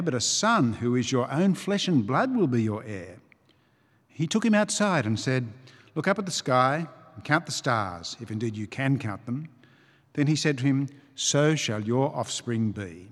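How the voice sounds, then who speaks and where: Male reader, mid-pitched, measured scripture reading with expressive quotes, echoing church sound. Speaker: Bible reader. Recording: long reverb of a church.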